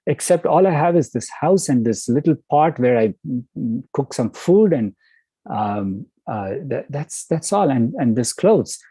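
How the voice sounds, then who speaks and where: Exasperated hermit king who keeps protesting he gave it all up, as a man quoting him, mellow low tone, dry sound. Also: animated, measured pace, husky, no room sound. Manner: storyteller quoting, rising in exasperation. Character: king turned forest hermit, indignant seeker.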